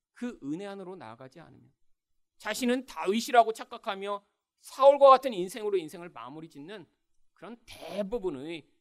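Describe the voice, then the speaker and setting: A man's voice: high voice, fairly bright tone. A man preaching a sermon, emphatic, often turning to the congregation with rhetorical questions. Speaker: pastor.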